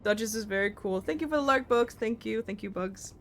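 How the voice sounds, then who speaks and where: A woman's voice: on the high side, fairly quick, heavy background noise. A woman from Denmark, chatting casually with a co-player during a game stream. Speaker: gamer on a stream. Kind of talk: casual gaming chat.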